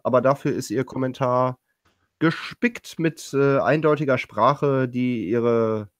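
A man's voice: medium pitch, takes it slowly, no echo, studio quality. A man hosting a casual panel podcast, reading out news items and commenting with many hesitations. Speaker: podcast host.

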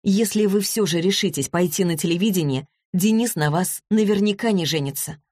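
A woman reading a story, voicing a businesslike woman agent who speaks in a cool, detached, measured way. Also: on the low side, darkish tone, no echo, clean studio sound, lightly acted.

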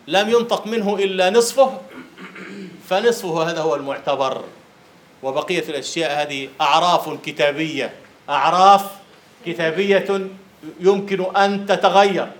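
A man lecturing on Arabic prosody in a classroom, teasing his students and slowly chanting verse syllables. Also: high-pitched, fairly bright tone. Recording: roomy lecture hall echo, faint hiss.

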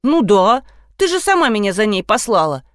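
A woman's voice: mid-range voice, very animated, moderate pace, dry recording, studio quality, lightly acted. A woman voicing a whiny, anxious young boy in a read-aloud story. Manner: whining, anxious.

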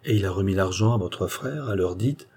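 A shrewd, composed detective speaks in a low, mellow, slightly husky voice, as a male reader of a storybook plays him. His questions come measured and unhurried. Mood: calm. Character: calm, shrewd male detective in middle age.

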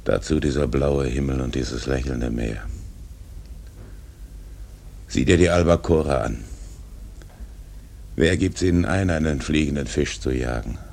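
An actor playing a brooding, tormented old sea captain in a literary radio drama, solemn and haunted, with a gravelly, husky voice. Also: male voice, very deep voice, unhurried, pauses often, darkish tone, heavily acted. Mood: weary, musing.

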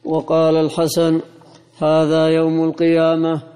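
A man reading a classical commentary aloud in a monotone, chanting recitation for a teacher. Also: fairly high pitch, unhurried, big-room sound. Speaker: student reading the text aloud.

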